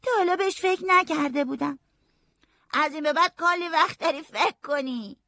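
A woman's voice: high voice, gravelly, bright, forceful tone, no echo, clean studio sound, heavily acted. A woman voicing a defiant, mocking boy who shines shoes, in a storybook reading. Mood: scornful. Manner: cocky, mocking.

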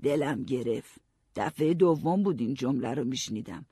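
A man narrating a story in the first person, calm storytelling. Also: mid-range voice, breathy edge, dry recording, clean studio sound. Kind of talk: audiobook narration.

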